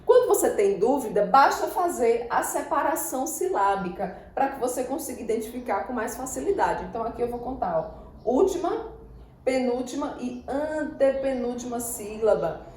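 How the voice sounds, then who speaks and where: A Brazilian woman teaches a grammar lesson for exam prep, sounding out each word slowly and repeating it syllable by syllable. Her voice sits a bit high for a woman. The room around her is noticeably echoey. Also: expressive, darkish tone, slight background noise. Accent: Brazilian Portuguese. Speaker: Portuguese teacher.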